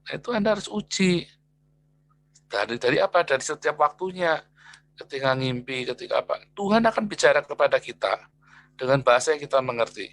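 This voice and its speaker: Animated, gravelly-voiced preacher man. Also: a little high, a little fast, long pauses. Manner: animated, swings between loud emphatic lines and quiet asides; acts out quoted people in a raised voice. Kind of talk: sermon.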